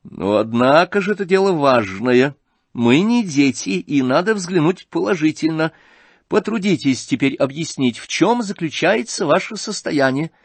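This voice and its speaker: A man's voice: fairly high pitch, expressive, normal speed, slightly rough, dry recording, pitched above the performer's own voice. A male reader voicing a proud, mocking young noblewoman in an audiobook, questioning haughtily and pointedly. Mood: haughty.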